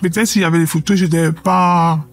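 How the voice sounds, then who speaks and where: Even-toned young woman. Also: fairly low pitch. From Cameroon. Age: young adult. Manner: measured and reflective, with hesitant fillers. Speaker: anonymous witness. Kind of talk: personal testimony.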